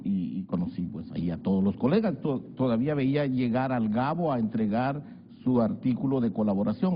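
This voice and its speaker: A man from El Salvador in his sixties, a journalist guest recounting his life in a measured, reflective way with frequent hesitations. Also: lowish voice. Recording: dull lo-fi broadcast audio with faint hiss.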